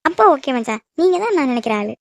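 Fast high Tamil-accented woman for a cartoon dub, sharp scolding delivery, dry close recording. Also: sing-song, dry recording. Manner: scolding and teasing. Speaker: voice actor in a cartoon. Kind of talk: animated cartoon dub acting.

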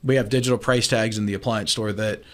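A man in his forties, an appliance store owner, talking briskly and confidently as a guest on a radio show over a video call. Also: fairly low pitch, fairly even intonation. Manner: brisk, confident business talk. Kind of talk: casual radio talk interview. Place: small room, indoors, remote video call. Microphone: studio mic with headphones.

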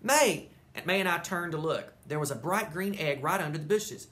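A teacher reading a children's chapter book aloud at an elementary school, expressive and animated. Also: medium pitch, fairly quick.

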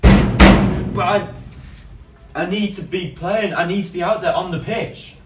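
A man's voice: on the low side, moderate pace, natural voice. A young man playing a stubborn rugby player pleading his case in an amateur short film. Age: young adult. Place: changing room and sports hall. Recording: echoey room, distant mic, loud noise.

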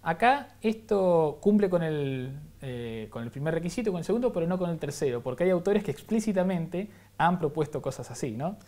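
Speaking in a Rioplatense Spanish accent, a man appears as an interview guest explaining science. His voice is on the high side and darkish, animated, at a moderate pace with few pauses, and he teaches didactically through examples and a frequent rhetorical "¿no?".

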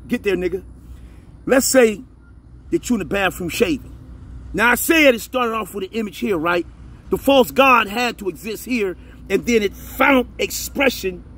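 A man teaches the Bible casually and profanely, repeating phrases and often asking if you're with him. He reads scripture slowly and emphatically in a high-pitched, fairly bright voice with a breathy edge.

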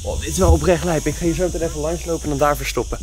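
A man in his twenties with a Netherlands Dutch accent, chatting casually and excitably in slangy vlog style. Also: fairly high pitch, very fast, slight background noise, rough recording. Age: 20s. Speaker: vlogger. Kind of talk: casual vlog chat during a game of hide-and-seek. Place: large villa, moving between rooms and outdoor terrace. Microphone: handheld camera at arm's length.

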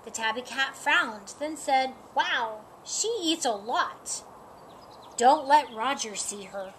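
The storyteller, a middle-aged woman with a voice that sits high, reads a children's picture book in a sunny yard. She takes it slowly and brightly, lifting her voice for each animal. Slight background noise is audible on the camera a few feet away.

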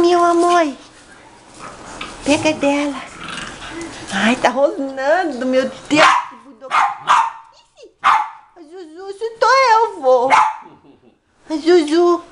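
A woman's voice: high voice, animated, slow pace, pauses often, very noisy. A woman talking baby talk to her dogs in a cooing, affectionate way. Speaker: dog owner.

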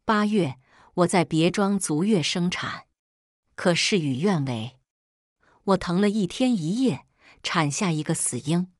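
A woman reading a first-person story as narrator, in a measured, even storytelling manner. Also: lowish voice, no echo, studio quality.

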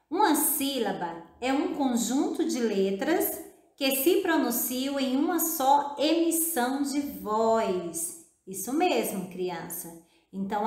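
A woman teacher giving a video lesson to children, speaking in a slow, drawn-out, encouraging way and repeating words syllable by syllable. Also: a little high. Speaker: primary school teacher. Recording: echoey room.

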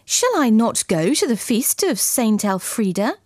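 A woman's voice: a little high, very animated, unhurried, darkish tone, no room sound, studio quality. A woman voicing a young maiden who exclaims and questions in archaic speech. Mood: protesting. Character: young maiden, loving and wondering, easily startled.

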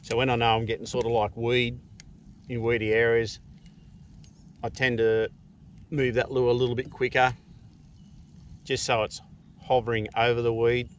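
Sitting in a kayak on open water, a middle-aged Australian fishing vlogger explains his technique in a relaxed, unhurried way, his voice at an ordinary male pitch and level in tone. An action camera captures him, so the sound is muffled with noticeable background noise.

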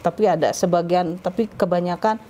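Mellow-voiced woman telling her story. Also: fairly low pitch, a little fast. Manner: lively storytelling, acting out others' voices. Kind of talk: casual interview conversation.

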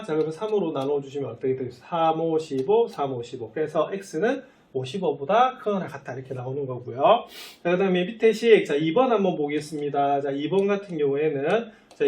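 Male math teacher, slightly high voice, quizzes his students and answers for them, drags out key phrases. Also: a little mellow. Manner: asks the students questions, then answers them himself; often starts sentences with "so" and "well then". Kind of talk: lecture.

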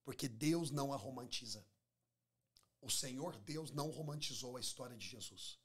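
With a crowd audible in the background, a man in his forties from Minas Gerais, Brazil, speaks at a normal speed and medium pitch. He's a pastor and podcast guest, preaching conversationally with emphasis, repeating phrases and playing out bits of dialogue. The setting is a small podcast studio with a close studio mic on a table stand.

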